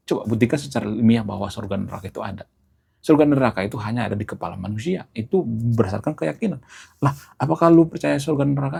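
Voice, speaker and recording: A man in a casual, opinionated monologue to his viewers, rambling through long lists with lively jumps in tone. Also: mid-range voice, vocal fry, breathy edge. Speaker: YouTube commentator.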